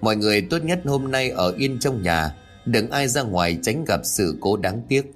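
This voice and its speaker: A man's voice: mid-range voice, lively intonation, normal speed, faint music behind, close to an everyday voice. A man voicing a grave old village exorcist.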